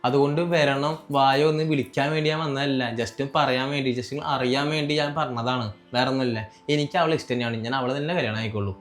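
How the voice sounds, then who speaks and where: A man's voice: medium pitch, steady tone, a little fast, few pauses, lightly acted. A man playing a defiant grown son who speaks firmly to his mother. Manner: firm, defiant. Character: defiant grown son set on a second marriage. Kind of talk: home-made family drama acting.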